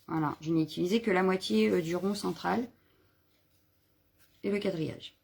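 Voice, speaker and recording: Lady rambling thru her craft haul live, gravelly husky voice, lots of euh and voilà. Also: fairly low pitch, moderate pace, darkish tone. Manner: chatty, rambling, many fillers and self-corrections. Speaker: crafter showing stamps and stencils on a live replay. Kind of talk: casual live craft show-and-tell.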